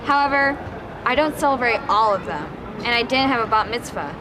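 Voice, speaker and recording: A woman's voice: a little high, lively intonation, brisk, background noise. A teenage girl, a student, reading her personal essay outdoors on a city street in a plain, matter-of-fact way. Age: teens. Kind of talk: scripted personal narration.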